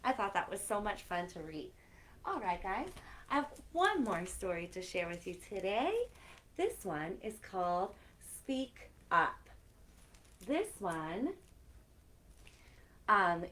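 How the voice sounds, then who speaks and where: A woman with a lowish, fairly bright voice leads a children's story time, reading with animation and chatting directly to her young audience.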